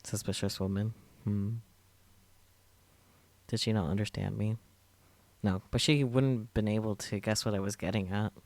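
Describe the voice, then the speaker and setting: A man's voice: on the low side, fairly even intonation, normal speed, long pauses, darkish tone. A man reading a visual novel script aloud as narration, with his own asides, over game music. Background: game music and Japanese voice acting.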